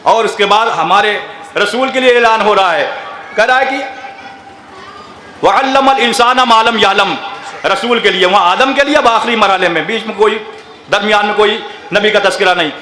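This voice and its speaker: High, bright-voiced preaching man, echoing. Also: moderate pace. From northern India. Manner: impassioned oratory, calling out to the gathering. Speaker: cleric. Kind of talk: religious sermon. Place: religious gathering at a public venue. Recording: echoey public address sound.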